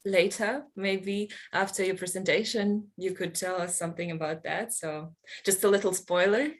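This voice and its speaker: A woman's voice: lowish voice, steady tone, normal speed. A woman moderating a forum, introducing the speaker in a polite, hesitant way.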